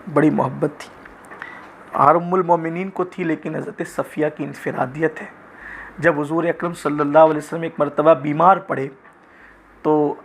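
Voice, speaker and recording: A man giving a religious lecture in a measured, reverent storytelling manner, full of honorifics. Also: a little high, creaky, a little hiss or hum. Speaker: religious speaker.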